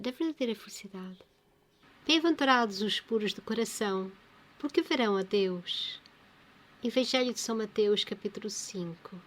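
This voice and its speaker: A woman giving a gentle spiritual reflection, speaking haltingly and often dropping into a whisper. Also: medium pitch. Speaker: religious video presenter.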